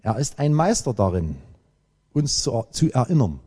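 A man preaching a sermon, emphatic and lively, with dramatic pauses. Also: medium pitch, slightly rough. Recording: long hall reverb.

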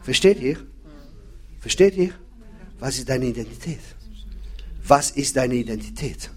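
A man's voice: mid-range voice, animated, measured pace, a little mellow, breathy edge. A man giving a sermon, hammering home key phrases and asking the listeners questions. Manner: emphatic, repeating key phrases, addressing the audience with questions. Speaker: preacher.

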